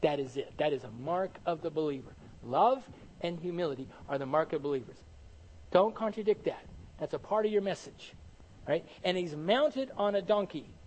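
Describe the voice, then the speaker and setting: A man preaching a Bible study sermon, animated and conversational, often asking the congregation questions and answering them himself. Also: on the high side, moderate pace, low-quality recording. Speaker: pastor teaching Bible study.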